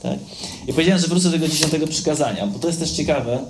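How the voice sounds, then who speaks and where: A man's voice: a little high, expressive, racing. A man preaching a sermon in a conversational way, often checking in with his listeners. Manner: conversational, addresses listeners directly with frequent "tak?". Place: church hall with a live audience. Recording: echoey hall with background noise.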